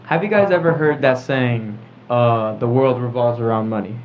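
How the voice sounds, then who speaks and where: Leading a relaxed group chat on his podcast, a teenage male host keeps tagging "right?" onto his explanations and prompts. He speaks at normal speed in a medium pitch, and the lo-fi recording sounds dull, with noise in the background.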